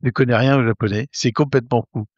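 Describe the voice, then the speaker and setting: A man's voice: mid-range voice, fast, no echo. Guy doing a screen tutorial, lots of umms and restarts, gets hyped, dry slightly muffled audio. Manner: hesitant, many fillers and restarts, excitable. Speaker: tech tutorial host. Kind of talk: casual screen-recorded tutorial.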